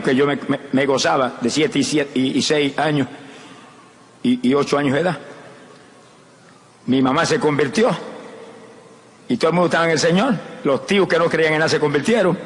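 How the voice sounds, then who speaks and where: A man preaching a fervent sermon and telling his own testimony, breaking into shouted praise. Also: a little high. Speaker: evangelist preacher. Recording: long hall reverb.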